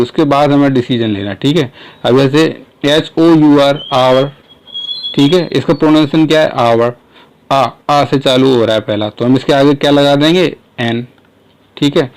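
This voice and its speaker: A man explaining a grammar point in a casual lesson, asking rhetorical questions and sounding out words slowly. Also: on the high side, a little mellow, rough recording. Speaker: English teacher.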